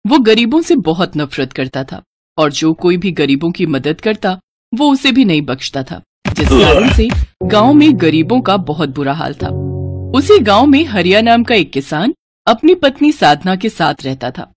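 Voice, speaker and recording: A woman narrating a moral cartoon story in an expressive storytelling cadence. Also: fairly low pitch, moderate pace, faint music behind.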